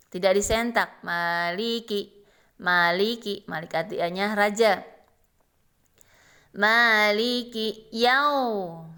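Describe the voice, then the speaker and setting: A woman's voice: medium pitch, a bit bright. A woman giving a recitation lesson, explaining rules patiently and chanting verse examples. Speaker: Quran recitation teacher.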